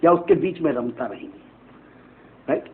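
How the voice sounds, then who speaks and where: On a TV interview, an astrologer guest gives long, preachy answers, frequently tacking on "right?" to win agreement. His voice is fairly high and animated at a moderate pace, and the studio recording sounds tinny and phone-like with a faint hiss.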